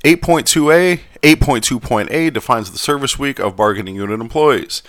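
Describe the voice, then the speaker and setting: A man voicing a genteel Southern gentleman who reads aloud in a measured, formal manner with a Southern US accent. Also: medium pitch, dry recording, clean studio sound, voice pushed up, close to an everyday voice. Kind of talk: scripted reading.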